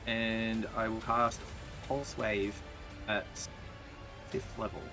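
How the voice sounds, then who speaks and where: A man's voice: on the low side, flat delivery, slow pace, music in the background. An Australian man playing a tabletop game, hesitating with many ums as he decides his moves. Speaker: player.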